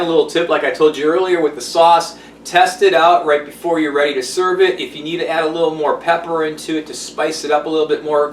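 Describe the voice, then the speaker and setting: A man's voice: a little high, far from the mic, slight background noise. A man hosting a cooking demonstration, chatty and folksy, full of enthusiasm, recorded in an echoey room away from the mic. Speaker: TV chef host.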